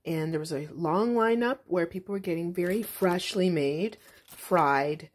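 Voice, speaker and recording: A woman in her forties, who writes books, narrates a home cooking video from her kitchen in a lowish, unhurried voice. She chats casually and says "um" a lot, as in a relaxed cooking vlog.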